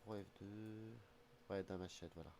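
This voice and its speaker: Slight background noise surrounds a deep, steady, somewhat mellow voice as a man plays online chess for his stream. He has a slight head cold and, at a measured pace, mutters half-finished calculations into his desk mic.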